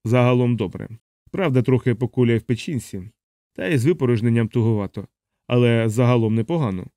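A man voicing a sardonic young bomber captain in a hospital bed, speaking in a deadpan, mocking way. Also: mid-range voice, fairly quick, no echo, studio quality, lightly acted.

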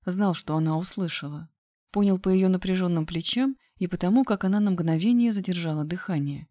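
A woman reading a first-person novel aloud in an even, steady way. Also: lowish voice, a little fast, no room sound, clean studio sound. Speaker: audiobook reader.

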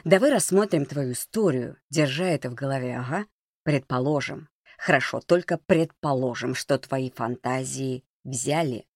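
A man reading a storybook plays a cold, mocking young man who speaks in a low, measured way. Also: no echo, studio quality, lightly acted.

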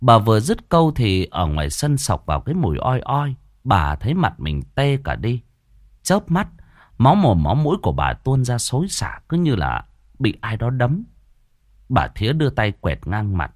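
A man narrating a ghost story, his voice lively and rising and falling dramatically. The recording is close and dry, with no room sound. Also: fairly low pitch, normal speed, dry recording. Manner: vivid, expressive telling.

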